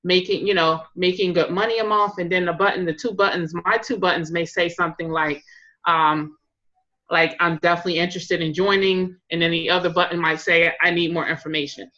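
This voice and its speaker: A woman's voice: fairly low pitch, steady tone, fairly quick, sharp tone, lo-fi sound. A woman in direct sales casually sharing tips on a group call, rambling with lots of fillers.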